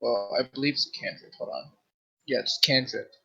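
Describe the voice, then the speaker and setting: A man's voice: medium pitch, brisk, vocal fry, bright, forceful tone, muffled recording. A man playing a tabletop game, chatting casually and eagerly describing his character's actions. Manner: describes his spell flavor with gusto. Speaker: player.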